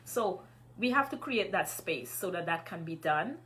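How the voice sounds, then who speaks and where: A woman's voice: fairly low pitch, animated, unhurried, fairly bright tone. A middle-aged Guyanese woman hosting a live stream, chatting casually, reading viewer comments and encouraging her listeners. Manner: encouraging, motivational.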